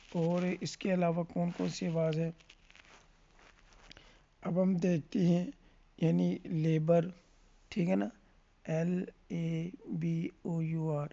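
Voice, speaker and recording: In a medium-pitched, dark voice, an English phonics teacher leads a classroom lesson on letter sounds. Questions get asked and then answered, and the listener is checked on often. The recording has its highs cut off.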